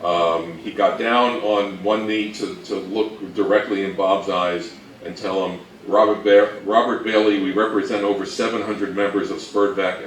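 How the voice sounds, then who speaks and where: This is an informal live lecture on old-time radio history, given by a low-voiced man who is one of its co-presenters. Picked up from far off in an echoey room, the audio carries faint noise.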